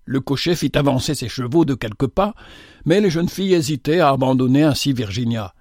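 A man reading an audiobook as narrator in a measured way, with rare hesitations. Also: medium pitch, animated, darkish tone, no echo, clean studio sound.

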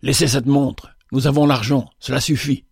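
A man voicing a gruff, remorseful male bandit leader in an audiobook, with an earnest, brusque delivery. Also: medium pitch, fairly even intonation, moderate pace, no echo, studio quality.

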